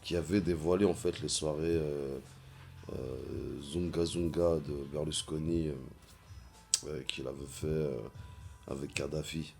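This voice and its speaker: A man vlogging in a casual monologue, halting often with fillers and repeating words as he searches for them. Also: extremely low pitch, a little mellow.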